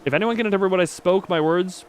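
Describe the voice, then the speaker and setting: High-pitched and fast-talking, a male streamer provides casual live commentary on his gameplay with soft music in the background. He rambles playfully, throwing in exclamations and goofy sound effects.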